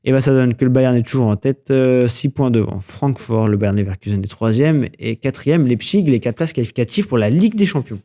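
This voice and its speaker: A man with a mellow, warm voice hosts a casual sports news roundup. He chats loosely, full of fillers, hesitations and quick self-corrections. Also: mid-range voice, animated. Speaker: sports news podcast host.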